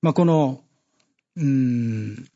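A man giving a Bible study sermon, measured and halting with many fillers, reading scripture passages aloud. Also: medium pitch, mellow, lo-fi sound. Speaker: preacher.

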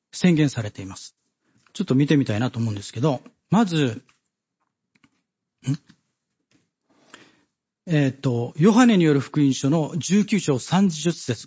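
A man giving a Bible study sermon, measured and halting with many fillers, reading scripture passages aloud. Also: fairly high pitch, dark tone, breathy edge, dull audio. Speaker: preacher.

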